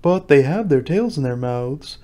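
Storybook turtle creature, played by a man: slow, doleful, ponderous, quick to take offence. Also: fairly high pitch, lively intonation, warm tone. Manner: drawn-out, ponderous delivery. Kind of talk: storybook character voice.

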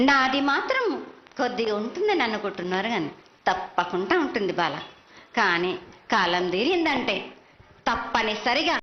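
A woman's voice: fairly high pitch, sing-song, normal speed, muffled recording. A woman with a Telangana Telugu accent speaks as a festival oracle in the voice of a mother goddess, declaiming commands and repeating herself. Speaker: oracle delivering a festival prophecy. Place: live temple festival ceremony. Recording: echoey, band-limited live broadcast with faint noise.

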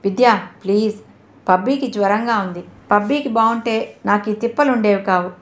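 A woman's voice: medium pitch, normal speed, lightly acted. A woman voicing a young woman who pleads and begs insistently in a read-aloud story. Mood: pleading. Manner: begging and insistent. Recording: roomy echo.

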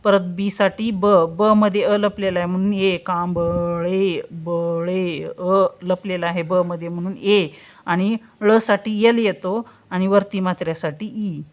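Woman, teacher, step-by-step spelling lesson, slow drawn-out example words, asks and answers own questions. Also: medium pitch, steady tone, a little mellow.

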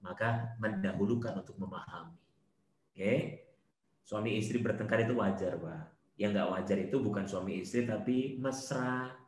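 A man giving an online Islamic study lecture over a video call, animated, with rhetorical questions and playful asides. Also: lowish voice, moderate pace, roomy sound.

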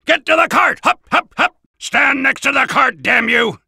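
An actor playing a gung-ho, belligerent American army soldier in a video game, barking bombastic orders and insults in a raspy, gravelly shout. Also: male voice, very high voice, normal speed, no room sound, clean studio sound, heavily acted.

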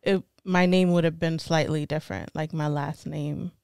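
A woman's voice: deep voice, steady tone, normal speed, vocal fry, darkish tone, clear, resonant tone, no room sound. A young woman who grew up in Ethiopia or Eritrea, hosting a podcast and asking curious, loosely phrased questions from a studio couch. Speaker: podcast host. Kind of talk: casual interview questions.

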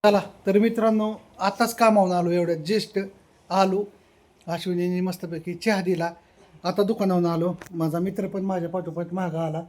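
Chatty high-voiced Maharashtrian village man. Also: steady tone, moderate pace, a little mellow. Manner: chatty, loose rambling delivery with frequent fillers. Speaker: vlogger. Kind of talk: casual chat to camera.

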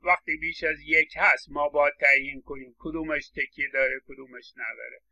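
A man's voice: fairly high pitch, steady tone, creaky, pushed and bright, highs cut off. A middle-aged man lecturing on English phonetics, explaining patiently and stressing words as he repeats examples, with English words spoken. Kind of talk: recorded lecture.

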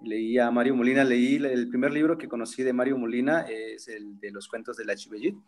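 A man in his thirties, a native Zapotec speaker, talks thoughtfully and reflectively as a seminar participant, with many fillers and restarts. His medium-pitched, darkish voice moves a little fast. He joins via laptop webcam on a video call from a room at home hung with framed pictures.

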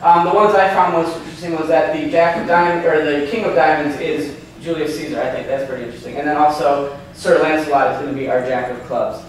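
A man's voice: on the high side, fairly even intonation, quick pace, slight background noise. A man in his thirties giving an informal slide lecture, chatty with many ums and restarts, asking the audience questions. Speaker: seminar presenter. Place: hotel meeting room, indoors. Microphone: far camera, no handheld mic. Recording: echoey room from far off.

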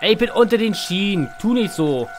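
A man's voice: high voice, expressive, a little fast. A man hosting a let's play, casually commenting on the game, reading its text aloud and joking as he goes. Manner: playful, reads game text aloud and jokes. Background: faint game music.

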